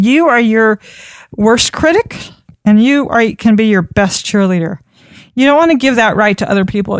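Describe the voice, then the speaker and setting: Woman trainer, instructional delivery, measured and repetitive, smooth, dry close mic. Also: mid-range voice, no room sound. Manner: measured, repeats key points for emphasis. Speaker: communication trainer. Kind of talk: instructional talk.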